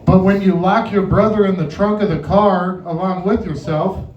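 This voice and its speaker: Chuckling through his own anecdotes, a high-voiced amateur comedian spins casual, rambling, sweary stories at an open mic, keeping a steady tone and moderate pace. The venue echoes, and the distant mic makes the recording muffled and roomy.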